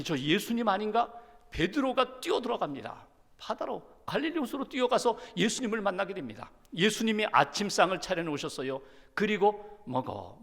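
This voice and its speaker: Male pastor, animated sermon delivery with repetition, high-pitched, reverberant sanctuary. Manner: animated, rhetorical questions, building repetition. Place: church sanctuary. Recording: long hall reverb.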